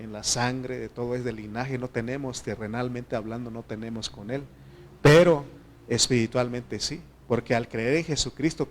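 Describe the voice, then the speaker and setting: A Mexican pastor with a Mexican Spanish accent and a medium-pitched voice preaches a sermon to his church. He's earnest and conversational, often pausing on fillers and restarting phrases.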